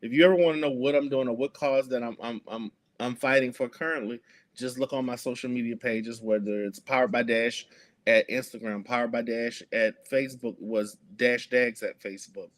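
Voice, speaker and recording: This man, an activist guest in a conversational interview, has a medium-pitched, steady voice and a moderate pace. His earnest delivery is full of fillers and frequent restarts.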